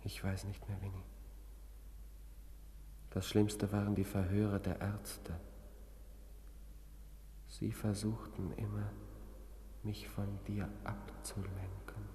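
Radio play: defiant asylum patient, bitter and sarcastic, long reverb. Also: male voice, deep voice, monotone, slow, long pauses, mellow, a little hiss or hum. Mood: hushed. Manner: intense, bitter and sarcastic toward the doctor. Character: troubled young man held in an asylum, defiant. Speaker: patient confined to a sanatorium. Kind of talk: German radio play acting.

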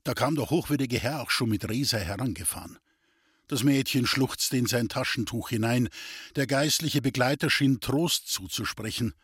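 Husky man reading a story aloud. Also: mid-range voice, moderate pace, fairly bright tone, no echo, studio quality. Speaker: audiobook narrator. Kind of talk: scripted narration.

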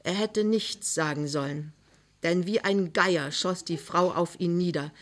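Woman narrator, low voice, measured, expressive literary reading.

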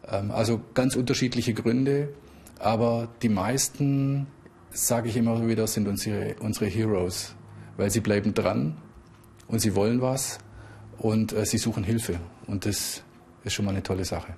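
A man's voice: fairly low pitch, fairly even intonation, unhurried, a little mellow, a little hiss or hum. A man working as a youth program coordinator, talking encouragingly with some hesitations. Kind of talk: interview and workshop talk.

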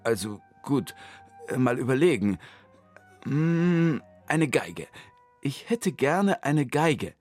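A man's voice: medium pitch, sing-song, a little slow, faint music behind. A man voicing an indecisive, fussy grown man in a children's radio story, speaking in a hesitant, stammering, whiny way.

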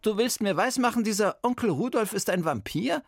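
A man voicing a brisk, no-nonsense retired old woman detective in a storybook reading. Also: high voice, expressive, vocal fry, dry recording, studio quality, soft background music, pitched above the performer's own voice, heavily acted. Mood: indignant. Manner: sharp, no-nonsense.

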